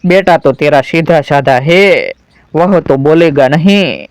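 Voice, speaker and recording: A blunt, meddling neighbor woman, as a male storyteller reads her in a storybook tale. The voice is slightly high and clear, with a slow pace. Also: very animated, dry recording, heavily acted. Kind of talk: storybook narration.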